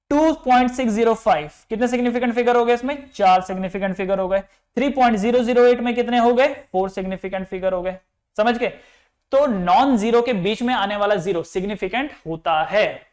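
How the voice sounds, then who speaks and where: A man's voice: sits high, a little mellow. A young man teaching physics in Hindi with English terms mixed in, explaining step by step and asking his students questions. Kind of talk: classroom lecture.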